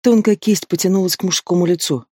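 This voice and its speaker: A man giving a steady, expressive scripted narration of a fantasy novel as an audiobook narrator. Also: high-pitched, fast talker, no echo, studio quality.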